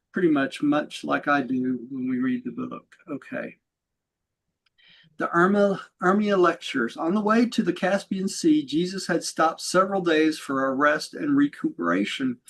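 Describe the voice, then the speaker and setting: A man leading a study-group class, talking casually and rambling as he explains a reading, with fillers and self-corrections and his distance from the mic shifting. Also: a little high. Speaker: host and teacher. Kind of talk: conversational study-group teaching.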